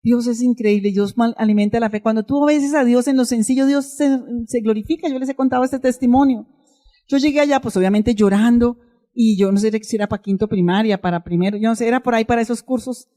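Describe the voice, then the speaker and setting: Woman pastor preaching with personal testimony. Mellow, a little high, emotional and conversational. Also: quick pace. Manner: emotional, conversational, addresses the congregation directly.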